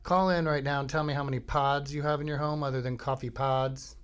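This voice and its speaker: A middle-aged Floridian hosts his own podcast from a home studio, his medium-pitched voice steady, brisk, and clean. He rambles through a comedic monologue, joking, cutting himself off, and slipping into goofy sung bits and impressions.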